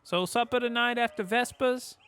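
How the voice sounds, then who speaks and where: A man putting on a chirpy joking printer. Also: expressive. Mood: teasing. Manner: high, bantering, slow drawn-out delivery. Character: cheery joking male printer, townsman. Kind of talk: reading game dialogue aloud.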